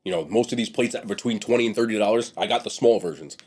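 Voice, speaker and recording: This food vlogger is a young man with a lowish, darkish, slightly rough voice who talks fast. Reviewing food on camera in a casual mukbang, he sounds congested, nasal and sniffly, chatting bluntly and breaking off to restart.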